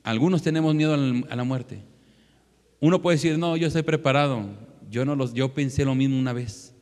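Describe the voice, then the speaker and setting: A man's voice: mid-range voice, fairly quick, darkish tone. A man in his thirties preaching a sermon to a congregation, addressing them as brother again and again. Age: 30s. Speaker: pastor. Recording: long hall reverb.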